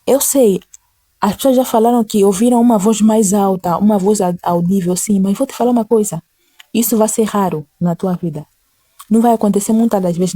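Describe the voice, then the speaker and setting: A woman teaches in an informal devotional style, earnest and repetitive. Her voice is mellow and dark in tone. She slows down and softens when reading scripture, and the sound is close and dry. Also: medium pitch, dry recording. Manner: earnest, repeats phrases, slows to read scripture softly. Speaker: preacher.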